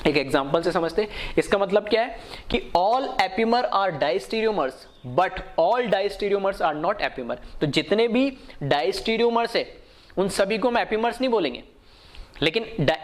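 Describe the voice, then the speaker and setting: Man, chemistry teacher, fairly high voice, rhetorical questions, slow dictation. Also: lively intonation. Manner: slow, dictated English definitions; asks questions then answers them. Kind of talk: online lecture.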